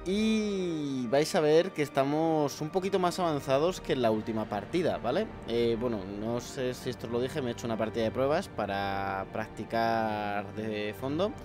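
A man's voice: medium pitch, normal speed, hardly any pauses. A young man with a sore, strained throat, rambling casually to viewers over gameplay and swearing freely. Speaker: gameplay YouTuber. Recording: faint music behind.

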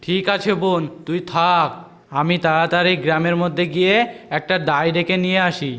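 A kind, protective village brother, played by a man in a homemade drama. He speaks earnestly and gently in a fairly high voice, with soft music under him. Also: fairly even intonation, brisk, close to an everyday voice. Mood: caring.

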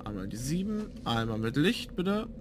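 Lively man commenting over a game. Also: medium pitch, moderate pace, over loud music. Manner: musing aloud to himself. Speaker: let's player. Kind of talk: casual gameplay commentary. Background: game sound.

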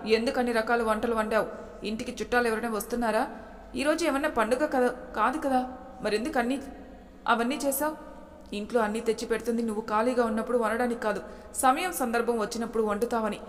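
A woman's voice: mid-range voice, steady tone, fairly quick, long reverb tail, lightly acted. A woman doing a scolding older mother-in-law. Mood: angry scolding. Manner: shouting, scolding.

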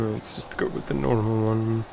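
Slow, gravelly man muttering over game music. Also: lowish voice, little pitch movement. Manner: muttering to himself while building, chuckling. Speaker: let's play gamer. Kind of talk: casual gameplay commentary.

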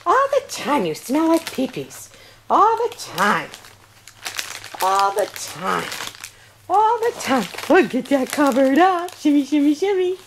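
Her pitch is high and swings widely as she speaks slowly, an older woman cooing and chanting playful baby talk to her grandchild. The setting is a bedroom at home, filmed on a handheld home camera held by another person, with a little background noise.

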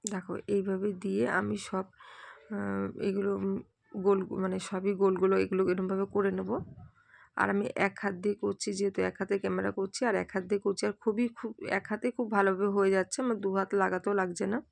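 A young woman talks through her home cooking at an even, flat pitch, with plenty of hesitations and fillers. Her voice is gravelly and strained, and the recording is dry and close. She sounds like a home cook narrating her own video. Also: brisk, no room sound. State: strained, catching throat. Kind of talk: casual cooking voice-over. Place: home kitchen, voice-over recorded at home by day.

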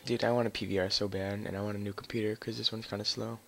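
A man's voice: on the low side, level tone, fast talker, gravelly, a bit bright, a little hiss or hum. A man doing casual live gameplay commentary on a headset mic as a raging gamer, swearing and grumbling in exasperation. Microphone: gaming headset.

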